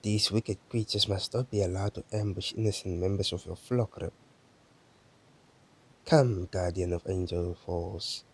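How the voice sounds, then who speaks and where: A man's voice: deep voice, steady tone, a little slow, slightly rough, exaggerated voice. A man reading a wise older male celestial guardian mentor in a solemn, formal way. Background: game music.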